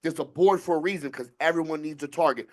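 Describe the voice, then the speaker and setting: Profane, excitable podcast co-host man. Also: a little high, quick pace. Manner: profane, stumbling restarts, hypes the crowd. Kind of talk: casual group podcast chat.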